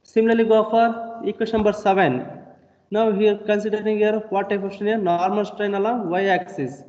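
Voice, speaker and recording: A man's voice: high-pitched, level tone, fairly quick, darkish tone. A man giving an online engineering lecture, explaining step by step and asking rhetorical questions. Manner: repetitive explanatory teaching, asks rhetorical questions. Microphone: video call. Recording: dull lo-fi call audio with long reverb.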